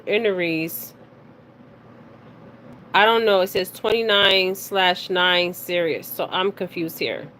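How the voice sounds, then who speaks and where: A woman hosts her own video as a spiritual and card reader, giving a casual psychic reading and reading news details aloud. Her mid-pitched, slightly bright voice is halting, she stumbles over words, and she often checks in with "okay?" Background ambience makes the recording clearly noisy.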